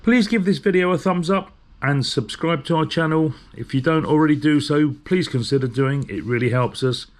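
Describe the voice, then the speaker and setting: A man's voice: on the high side, moderate pace, few pauses, dry recording. A man chatting casually in a travel vlog from his motorhome, rambling with plenty of fillers and restarts. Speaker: vlogger. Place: motorhome on the road.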